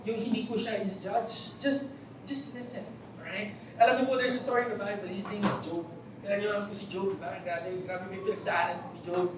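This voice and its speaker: A man's voice: high-pitched, fairly even intonation, a little fast. Echoey Filipino preacher, storytelling man. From Philippines. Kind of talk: sermon. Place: church hall. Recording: very echoey hall, voice from far off, faint noise.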